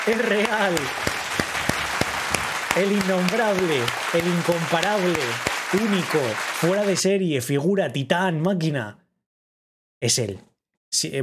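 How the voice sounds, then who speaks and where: A man reacting to a livestream clip in casual commentary, excitable and repetitive, often bursting into mock-awed shouts. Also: medium pitch. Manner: excitable, shouts in mock awe, repeats himself.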